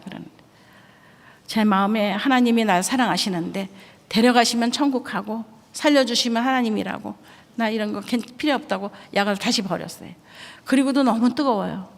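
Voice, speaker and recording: A middle-aged woman from Korea, a missionary giving an earnest, emotional church testimony. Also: medium pitch. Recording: echoey church hall.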